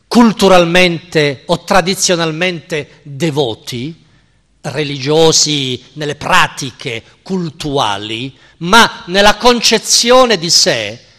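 A male philosophy professor lecturing slowly and deliberately, stressing his key words and checking in with his audience. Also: on the high side, expressive, sharp tone. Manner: slow, deliberate, emphatic, checks in with listeners. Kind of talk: university-style lecture. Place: lecture hall at a cultural center. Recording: reverberant lecture hall.

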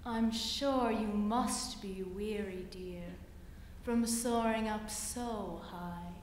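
Girl putting on a low, coaxing spider. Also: slight background noise. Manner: low, soft, coaxing and drawn-out. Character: sly flattering male spider, smooth and scheming. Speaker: student reciting a poem. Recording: echoey hall from far off.

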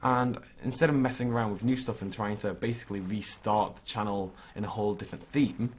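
A young man, hungover with a slightly hoarse voice, chatting in an informal, rambling, self-critical way as he vlogs over a video game. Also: fairly low pitch, steady tone, fairly quick. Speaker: gaming video creator. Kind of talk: casual vlog chat over gameplay. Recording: clearly noisy background ambience.

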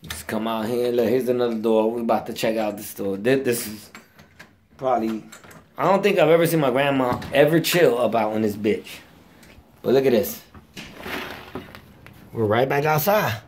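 A man's voice: medium pitch, normal speed, long pauses, a little mellow, slight background noise. A young man giving a loose, slangy, swearing walking tour of a house, talking to a handheld phone camera. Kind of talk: casual, profane walking tour. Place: inside a house, walking room to room.

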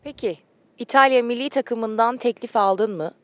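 A woman's voice: fairly high pitch, moderate pace, no echo. A woman asking questions as a sports interviewer, speaking outdoors into a handheld microphone. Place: outdoors on a training pitch.

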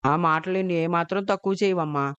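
Woman doing a gentle low-voiced father. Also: fairly quick, smooth, muffled recording, natural voice. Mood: tender. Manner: soft, reassuring, fatherly. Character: gentle caring father, middle-aged man.

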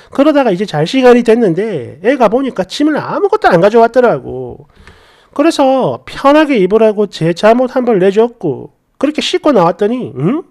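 A woman narrating reader stories with sarcastic, expressive commentary. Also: fairly high pitch. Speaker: story narrator. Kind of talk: dramatic storytelling of reader stories.

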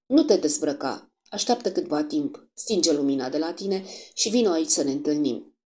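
A woman reading the part of a fussy little male detective, speaking in a hushed, secretive murmur. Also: sits low, expressive, breathy edge.

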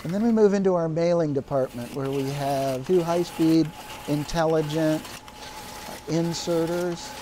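A man giving a guided tour of a print shop, explaining each area slowly with pauses and fillers. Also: fairly high pitch, steady tone, background noise. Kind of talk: guided facility tour narration.

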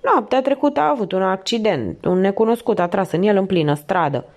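Woman reading as a calm, detached police inspector. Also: mid-range voice. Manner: quiet, measured, murmuring.

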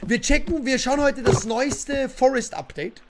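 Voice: sits high, unhurried, noisy background. A streamer chatting casually during a livestream, rambling with many fillers and grumbling in exasperation at the game. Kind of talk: casual livestream chat while playing.

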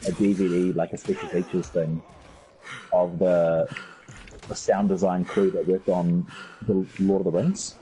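A man's voice: low voice, level tone, unhurried, dark tone, slight background noise, poor audio. A man with a New Zealand accent chatting in laid-back, joking banter while playing a game. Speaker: gaming streamer. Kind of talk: casual gameplay chat.

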